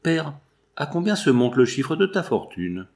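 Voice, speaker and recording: A man's voice: fairly high pitch, sing-song, a little slow, a little mellow, voice pushed up. A man reading aloud and voicing a willful, impetuous eighteen-year-old girl who pleads insistently.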